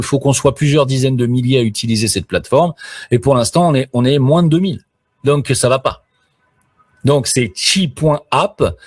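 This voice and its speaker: A man's voice: mid-range voice, no echo. A middle-aged man chatting on a live stream, rambling with many hesitations and crude slang. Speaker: live streamer promoting his platform.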